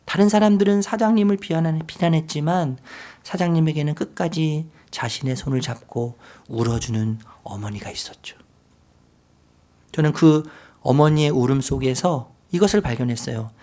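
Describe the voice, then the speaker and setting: A male pastor preaching a sermon, telling a story with big swings from loud to whispered. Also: on the high side, moderate pace. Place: church sanctuary.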